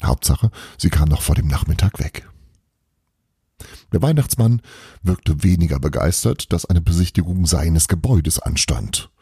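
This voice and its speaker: A man reading a children's Christmas story aloud as a podcast storyteller, in a calm, lively read-aloud manner. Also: sits low, unhurried, slightly rough, dry recording, studio quality. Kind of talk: scripted storybook narration.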